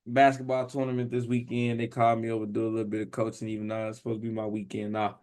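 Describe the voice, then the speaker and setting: A hoarse man co-hosting a sports podcast, talking in a loose, slangy and emphatic way. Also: fairly low pitch, completely flat delivery, very fast, darkish tone. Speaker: podcast co-host. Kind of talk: casual sports chat.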